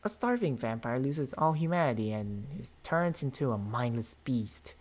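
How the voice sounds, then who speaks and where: Grave and explaining, a man voices a tender vampire gentleman in close-mic binaural ASMR, his husky, breathy, mid-range voice expressive but only lightly acted. He speaks haltingly, using formal terms of endearment.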